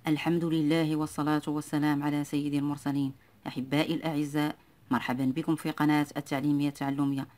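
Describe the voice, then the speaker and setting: A man teaching a spelling lesson in a formal, patient classroom manner. His voice stays level and flat in pitch. He drills each word slowly and repeats single sounds over and over so that learners can follow.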